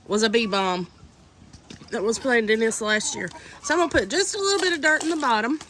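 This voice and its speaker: This homesteading vlogger talks a little fast, fairly high and a bit bright, her voice congested from a cold. She chats her way through repotting seedlings outdoors in windy conditions in a homey, instructive manner, with faint wind noise.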